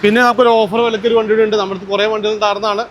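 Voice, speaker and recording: Kerala malayalam guy selling used cars, talks really fast, throws in english words, bit of background noise. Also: sits high, little pitch movement, a bit bright. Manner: mixes English terms into Malayalam. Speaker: used car dealer. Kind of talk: unscripted car showroom walkthrough, listing details and prices.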